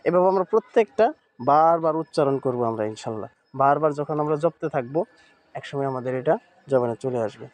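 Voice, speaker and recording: A man teaching Quran reading in an online lesson, patiently spelling out Arabic letters and repeating words slowly. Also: on the high side, lively intonation. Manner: Arabic letter names in Bengali speech.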